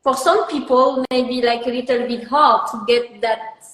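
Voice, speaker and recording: Young woman, French accent, high register, informal podcast chat, strong room echo. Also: fairly even intonation, measured pace, a bit bright. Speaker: podcast co-host. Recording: echoey, reverberant room.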